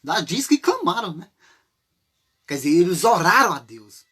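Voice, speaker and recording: Animated husky Brazilian preacher. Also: male voice, high voice, moderate pace. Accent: Brazilian Portuguese. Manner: conversational, full of rhetorical questions and tag questions; acts out desperate cries for help. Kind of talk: informal sermon on a psalm.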